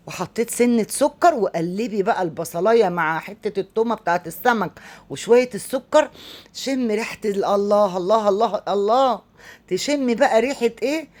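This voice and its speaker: A woman's voice: mid-range voice, a little mellow. A woman with an Egyptian accent hosting a cooking tutorial, chatty and exclaiming often as she talks viewers through a recipe. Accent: Egyptian Arabic. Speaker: cooking show host.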